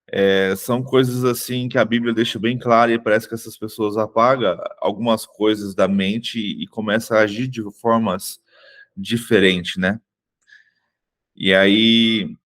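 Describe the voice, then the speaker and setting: A man leading a Bible reading group, calmly explaining the passage over a video call. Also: on the low side. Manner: calm, explanatory, frequent tag questions. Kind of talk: reflective Bible commentary.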